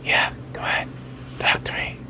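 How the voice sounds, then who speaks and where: Whispering sick man playing a game. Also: normal speed. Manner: nervous murmured reactions. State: sick, whispering to spare his throat. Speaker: gamer playing a horror game. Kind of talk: whispered gameplay commentary.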